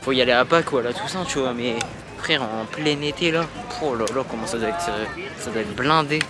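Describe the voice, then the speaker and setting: A young man talks in a medium-pitched voice to his viewers. His delivery is casual and full of slang, like an informal travel vlog. Music plays clearly behind his speech. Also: a little fast. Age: young adult. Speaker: vlogger. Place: mostly outdoors at a seaside city, later inside an apartment.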